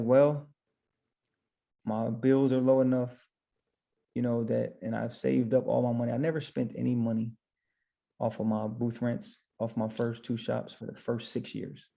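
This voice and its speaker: A man's voice: mid-range voice, creaky, dark tone. A man who owns barbershops, guest on a podcast, telling his story casually and retelling his own thoughts as quotes.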